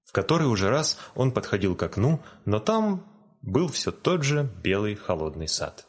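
A man reading a fairy tale aloud in a calm, gentle storytelling manner. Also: fairly low pitch, normal speed. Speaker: narrator. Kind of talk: storybook narration.

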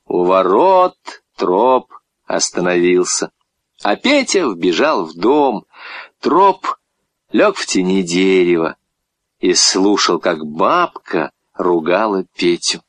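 A man reading a children's story aloud with expressive, swinging delivery. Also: sits low, slow pace, no echo.

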